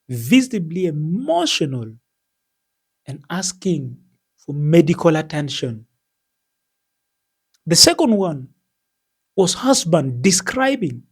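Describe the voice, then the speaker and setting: Guy doing scripted news commentary, kinda high husky voice, formal and deliberate.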